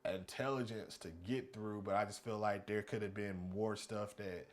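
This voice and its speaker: A man's voice: on the low side, steady tone, moderate pace. A man in his thirties from the United States, co-hosting a podcast in loose, unscripted conversation. He rambles through his points with plenty of fillers, restarts and casual profanity. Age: 30s. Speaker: podcast co-host. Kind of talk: casual chat.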